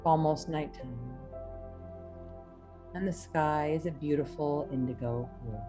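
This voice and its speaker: A woman with a low voice leads a hypnotic relaxation exercise. She speaks soothingly and unhurriedly, leaving long pauses between phrases. Clear New-age music plays behind her. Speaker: hypnosis instructor. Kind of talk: slow, soothing guided relaxation induction. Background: soft New-age music.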